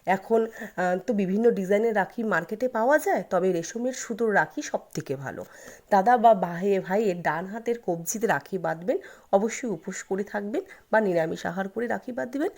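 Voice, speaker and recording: Woman channel host, middle-pitched, earnest how-to explainer on festival customs. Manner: earnest, advising, reciting a mantra slowly. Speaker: channel host giving ritual guidance. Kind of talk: instructional explainer.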